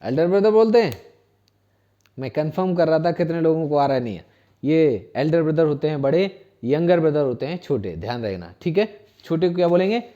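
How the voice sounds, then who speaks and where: An Indian-accented man gives a classroom-style English lesson, with a fairly high but mellow voice. He spells out each word letter by letter and repeats every phrase patiently. The sound is dull and lo-fi. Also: animated, fairly quick. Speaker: spoken English teacher. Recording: dull lo-fi recording.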